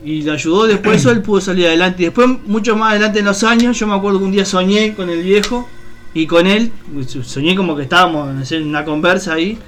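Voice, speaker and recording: A man's voice: high voice, fast talker, a bit bright, a little hiss or hum. A man with a Uruguayan accent, a radio co-host telling a personal story in a rambling way, full of fillers and restarts. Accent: Uruguayan Spanish. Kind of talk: casual spoken storytelling on radio.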